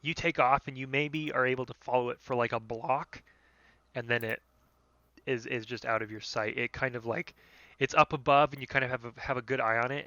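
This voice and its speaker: Bright-toned man game master. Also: medium pitch, no room sound, dull audio. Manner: loose, descriptive narration with many "like" fillers. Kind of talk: narrating a tabletop game.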